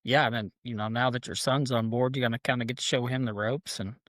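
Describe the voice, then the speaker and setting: Male host, mid-pitched voice, dry close sound, upbeat, jokey, stumbling. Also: steady tone, fast talker, fairly bright tone, no room sound. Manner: upbeat, jokey, repeats words. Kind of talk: casual interview hosting.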